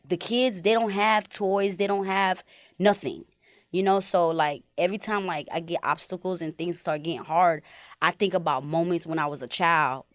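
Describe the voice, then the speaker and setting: Recorded with clean studio sound and no echo, this young woman from Haiti is a film director appearing on a podcast. At a moderate pace and in a steady, low-leaning voice, she tells reflective stories peppered with "like" and "you know."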